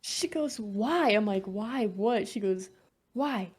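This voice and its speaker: A woman's voice: medium pitch, takes it slowly, a little mellow. A young woman co-hosting a casual podcast, telling rambling, profane anecdotes and giggling often. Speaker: podcast co-host.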